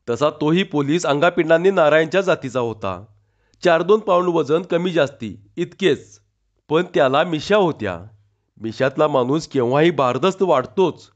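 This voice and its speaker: Casting: male storyteller, expressive comic reading, slightly high voice, dull lo-fi recording. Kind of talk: reading a humorous short story aloud.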